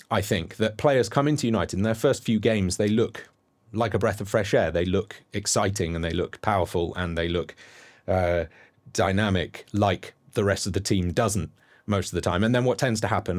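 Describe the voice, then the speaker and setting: A man hosting a solo football fan monologue, rambling and thinking aloud with frequent fillers and restarts. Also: sits low. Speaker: football fan podcast host.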